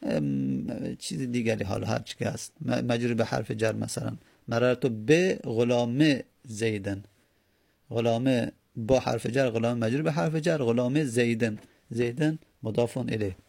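A man's voice: medium pitch, vocal fry, a little mellow. A man teaching Arabic grammar, explaining patiently step by step and repeating his examples. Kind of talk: explaining lesson.

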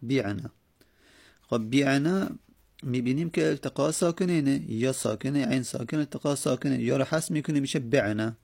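A man teaching a grammar lesson, patiently reciting verb forms in steady repeated drills. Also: mid-range voice, creaky. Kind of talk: grammar lecture with recited conjugations.

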